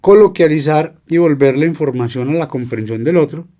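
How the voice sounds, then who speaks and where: A middle-aged man, a palliative care doctor talking reflectively as a podcast guest, with deliberate, slow, emphatic phrasing. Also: on the high side, dark tone. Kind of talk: reflective conversation and storytelling.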